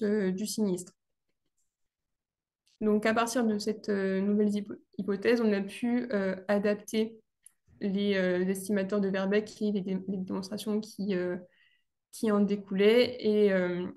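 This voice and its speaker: A young woman presenting her thesis, speaking in a hesitant way with many pauses and restarts. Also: medium pitch, darkish tone.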